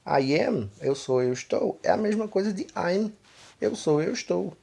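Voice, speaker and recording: A man from Pernambuco with a Northeastern Brazilian accent teaches an online English lesson in a high, brisk, lively voice that's husky, dark and fried. His explanations are constantly sprinkled with "né" and "tá."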